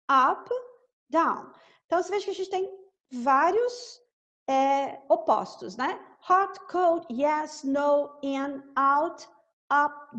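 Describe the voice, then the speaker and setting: A woman teaching English through a song, explaining in Portuguese and slowly repeating English words and lyrics. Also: high voice, fairly bright tone, highs cut off. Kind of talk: song-based English lesson.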